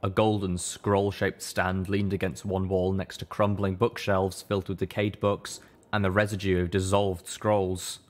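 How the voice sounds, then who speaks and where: A man with a deep, level voice narrates first-person fiction as an audiobook reader. His storytelling is measured and dramatic.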